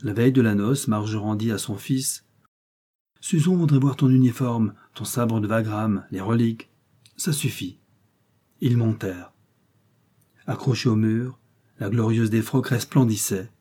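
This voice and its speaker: A man reading a short story aloud as narrator, in a measured storytelling manner that lifts for the quoted dialogue. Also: on the low side, warm tone, breathy edge.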